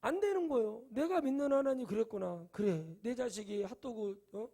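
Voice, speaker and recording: High-voiced Korean pastor preaching a sermon. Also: male voice, normal speed. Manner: swings from quiet asides to loud exclamations; acts out quoted voices in his preaching.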